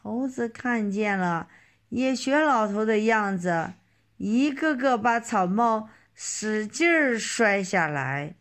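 A woman narrating a children's story in a slow, expressive storytelling manner. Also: fairly high pitch.

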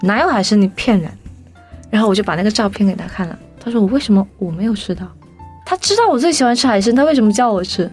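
A young woman telling a personal story as a podcast guest, lively and animated, briefly voicing the people she quotes. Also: mid-range voice, very fast, faint music behind.

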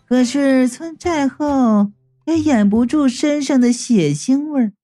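Reader doing a sly young woman, hushed knowing delivery, high, mellow tone, audiobook character. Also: slow pace, soft background music.

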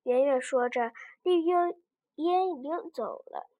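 Slow, high-voiced woman telling a story. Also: dry recording. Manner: gentle, expressive storytelling. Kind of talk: children's story reading.

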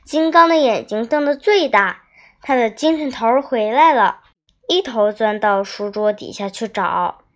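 A young girl hosting a storytelling show, reading a children's diary story aloud in an expressive, dramatic way. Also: on the high side, measured pace.

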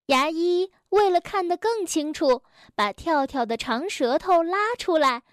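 High-voiced woman reading a bedtime story. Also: a little slow, no echo, studio quality. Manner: gentle, expressive reading aloud.

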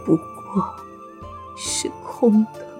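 Playing a gentle, grieving Buddhist nun master for a Chinese costume audio drama, a woman speaks in a wistful, measured manner, with music in the background.

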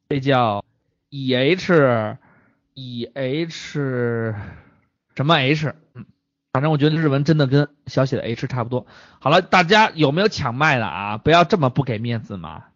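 A man's voice: mid-range voice, fairly bright tone, dry recording, lo-fi sound. A man hosting an online voice-chat show, joking and bantering with the guests and swearing casually. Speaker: livestream host.

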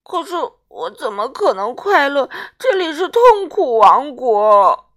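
A woman's voice: high-pitched, sing-song, takes it slowly, pitched above the performer's own voice, full character voice. A woman voicing a sad male king who sobs as he talks, in a children's story. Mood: tearful. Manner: sobbing, whiny.

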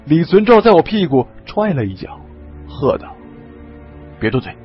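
A man narrating a story in the first person, with lively, expressive storytelling. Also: on the high side, normal speed, muffled recording, faint music behind.

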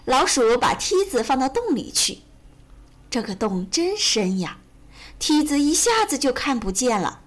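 A woman storyteller reading a children's storybook aloud in a gentle, expressive way. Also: high-pitched, a little slow. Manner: gentle, expressive, sing-song.

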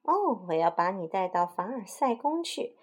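A woman's voice: mid-range voice, sing-song, normal speed. A woman doing a haughty storybook queen. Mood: imperious. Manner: gushing, imperious.

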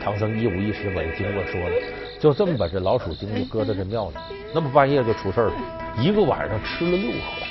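A man's voice: lowish voice, sing-song, fast. A man hosting a storytelling commentary, chatty and rhetorical, acting out the characters. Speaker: host. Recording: dull sound with faint music.

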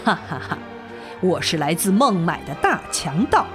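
A woman voicing a gruff male bandit in a storybook reading, low and bossy. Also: big pitch swings, moderate pace, music in the background.

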